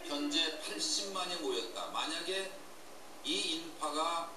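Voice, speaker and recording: Echoey, distant man hosting over loud noise. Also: on the high side, animated, measured pace. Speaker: host of live rally coverage. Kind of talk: live current-affairs commentary and discussion. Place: outdoors at a large street rally. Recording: distant, echoey, very noisy outdoor broadcast.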